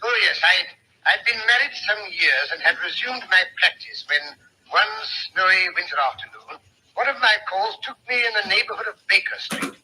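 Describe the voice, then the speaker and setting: An actor playing a genial, courtly gentleman doctor with a jovial, hesitant manner, in an old-time radio drama. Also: high-pitched, lively intonation, normal speed, heavily acted. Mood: reminiscing. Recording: noisy, tinny old-time radio recording.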